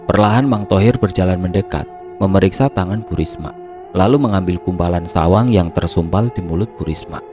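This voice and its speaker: A man narrating a horror story in a steady, hushed storytelling manner. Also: sits low, brisk, music in the background.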